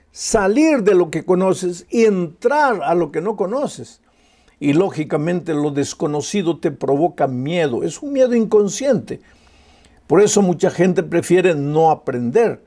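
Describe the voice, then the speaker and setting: A man's voice: high-pitched, mellow. A male pastor preaching a sermon with passion, using rhetorical questions and repetition.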